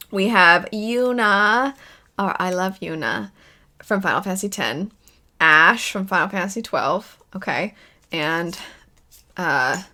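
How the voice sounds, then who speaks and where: A woman's voice: mid-range voice, sharp tone. A woman hosting a casual chat, thinking aloud in a wavering, self-deprecating way. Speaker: video host. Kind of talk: casual chat, playing a pick-one game about video game characters.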